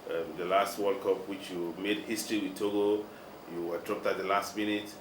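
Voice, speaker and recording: A man working as a sports journalist, asking measured, leading interview questions. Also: fairly low pitch, little pitch movement. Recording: roomy with noticeable background noise.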